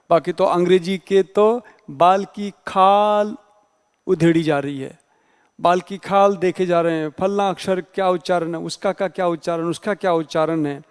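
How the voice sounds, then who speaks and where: Male tutor, high voice, patient explanatory lecture style, reverberant room. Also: a little mellow, clear, resonant tone. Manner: explanatory, spells out letters slowly. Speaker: teacher. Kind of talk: exam-prep Hindi grammar lecture.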